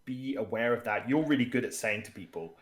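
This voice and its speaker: A man's voice: medium pitch, animated, brisk. A man co-hosting a casual chat about tabletop games, talking freely with many restarts. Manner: chatty, restarts often, acts out player quotes. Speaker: podcast co-host.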